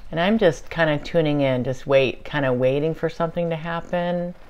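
Low-pitched lady chatting on her daily spiritual vlog, lots of ums and little laughs. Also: moderate pace, darkish tone, clear, resonant tone, dull audio. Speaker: spiritual channeler vlogger. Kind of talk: casual daily video update.

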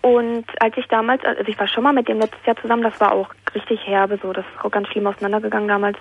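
A woman's voice: mid-range voice, flat delivery, fast talker, slightly rough. An 18-year-old woman calling a radio show, nervous and rambling, tagging sentences with little asides. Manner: nervous, rambling, fills with "ne?" and acted-out quotes. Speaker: caller. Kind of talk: telling a personal story on call-in radio. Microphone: telephone. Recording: tinny phone line.

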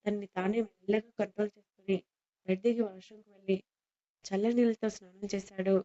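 A woman narrating a romantic audiobook story in a steady, gentle reading style, on dull lo-fi audio. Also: mid-range voice, fast talker.

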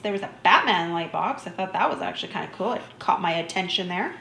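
A woman's voice: lowish voice, quick pace, creaky, pushed and bright, roomy sound, slight background noise. A woman narrating a shopping vlog in a chatty, easygoing way, enthusiastic about small finds. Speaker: vlogger. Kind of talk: shop-with-me voice-over narration.

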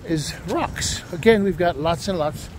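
A middle-aged man vlogging a walking tour casually describes a waterfront park and talks with passersby. He has a high-pitched voice and a measured pace. Recorded on a handheld camera while walking, the clip carries faint wind and outdoor ambience.

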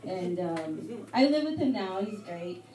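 A young woman from Mexico doing a live stand-up set in a pub, with a halting, rambling delivery full of fillers. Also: medium pitch, very animated, far from the mic. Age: young adult. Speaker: stand-up comedian. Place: hotel pub comedy night. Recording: echoey live room miked from afar with loud crowd. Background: audience chatter and laughter.

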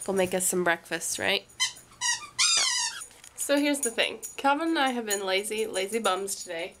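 Sitting in her bedroom with a cold, a young woman who vlogs about family life talks casually into a handheld camera at arm's length, rambling in a chatty, lively way through her congestion. Her medium-pitched voice moves at a moderate pace over heavy background noise.

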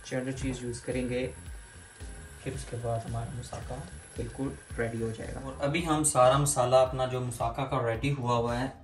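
A man's voice: mid-range voice, flat delivery, moderate pace. A man hosting a home cooking video, chatting casually and explaining each step to viewers. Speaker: cooking vlog host. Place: home kitchen. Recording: echoey room with background music.

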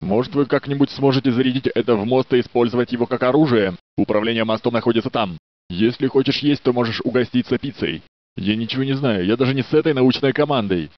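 A man with a medium-pitched, quick, close-to-everyday voice plays a security guard in a research facility for a Russian game dub. The guard comes across as polite, dutiful, courteous, and a touch flirtatious, in a friendly mood. The audio is a dry, dull studio dub without any room sound.

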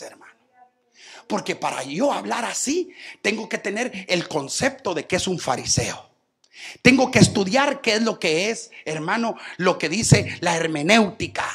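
A male preacher giving a sermon, dropping to low asides and then bursting into shouts, often calling out to his brothers and sisters. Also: creaky, husky. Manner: addresses listeners as brothers and sisters.

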